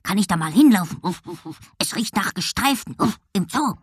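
A woman voicing an excitable small male dog in an audiobook, eager and sniffing with little panting huffs. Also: mid-range voice, fairly quick, breathy edge, dry recording, studio quality. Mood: excited.

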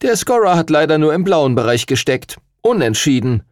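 A man's voice: a little high, very animated, normal speed, no room sound, studio quality, voice pushed up. A man voicing a sneering, unfair boy dragon rider in a storybook reading, mocking and threatening.

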